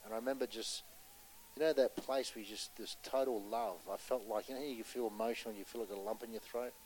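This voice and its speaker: A man preaching a sermon with passion, pressing his points loudly and then dropping to a hushed voice to tell a story, and putting questions to his listeners. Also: medium pitch, fairly even intonation, quick pace, a little hiss or hum, low-quality recording. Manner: impassioned, swinging between loud urgency and hushed storytelling; asks the audience rhetorical questions.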